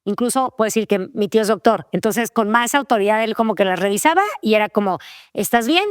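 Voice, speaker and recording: A woman's voice: medium pitch, fast talker, no echo, studio quality. A woman co-hosting a faith-based parenting podcast, chatting casually and telling family stories. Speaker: podcast co-host.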